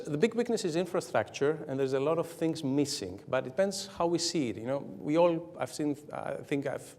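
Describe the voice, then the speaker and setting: A man speaking on a business conference panel, halting and repeating words, building up to rallying lists. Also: medium pitch, darkish tone. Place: hotel conference room.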